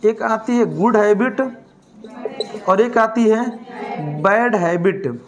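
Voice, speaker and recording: A man's voice: sits high, takes it slowly, slight background noise. Lecturer quizzing and joking with his class. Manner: asks questions and answers them himself, jokes with students. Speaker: teacher.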